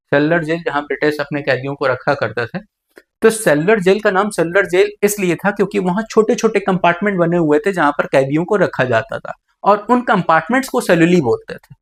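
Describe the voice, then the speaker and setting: A man's voice: fairly high pitch, a little fast. A man teaching biology in a lecture, often calling students "beta" and asking questions, then answering them himself. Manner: addresses students as "beta", asks and answers his own questions. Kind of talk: classroom lecture.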